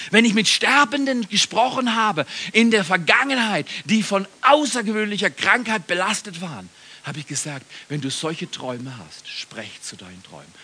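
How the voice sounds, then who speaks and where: A middle-aged man preaching a sermon to a congregation, animated, swinging between loud appeals and hushed passages, often asking the listeners questions. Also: sits high, slightly rough. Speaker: pastor. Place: church service before a live congregation.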